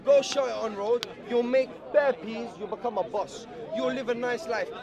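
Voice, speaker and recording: A man's voice: very high-pitched, moderate pace, muffled recording. A young man, arguing in street slang and pressing the same questions over and over outdoors. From Iraq. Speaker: visitor debating. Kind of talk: heated street debate. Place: outdoor park among a crowd. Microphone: clip-on lapel mics. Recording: busy crowd chatter behind.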